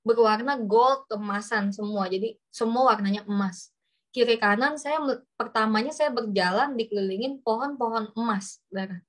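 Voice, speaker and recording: A young woman preacher, giving a testimony sermon in an animated storytelling way and often addressing the congregation. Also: fairly high pitch, normal speed.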